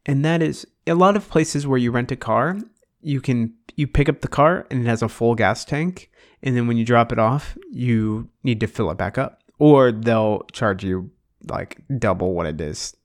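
A man chats loosely on a podcast. His voice is gravelly, with some vocal fry, and sits at a middling pitch. He wanders through his points, musing and restarting as he goes. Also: moderate pace. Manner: rambling, musing, full of "like" and restarts. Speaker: podcast co-host. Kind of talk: casual chat.

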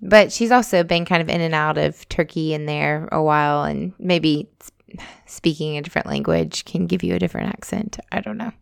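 A woman from the American South chats on a podcast with a lowish, gravelly voice. The recording is dry and close, with no room sound. She talks in a relaxed way and jumps in readily. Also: no room sound. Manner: relaxed, chatty, quick to chime in. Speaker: podcast co-host. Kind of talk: casual chat.

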